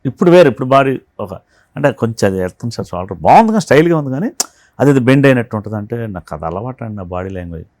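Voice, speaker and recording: Fast-talking man telling film-set stories. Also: mid-range voice, a little hiss or hum. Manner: animated storyteller who acts out quoted dialogue. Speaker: film artist and art director, interview guest. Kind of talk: anecdotal interview storytelling.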